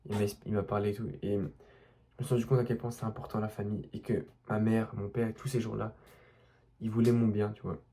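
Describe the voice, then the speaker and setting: A man's voice: fairly low pitch, dark tone. A young man from France telling a personal story in a rambling, unscripted way, full of restarts and asides to the listener. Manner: rambling, many restarts and fillers, addresses listener directly. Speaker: vlogger.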